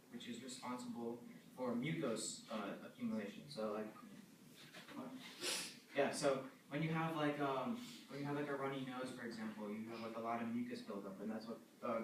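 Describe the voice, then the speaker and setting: A male student presents a journal article to a class in a mid-range voice, speaking haltingly with many fillers and restarts. The room is echoey, the mic distant, and the recording noisy.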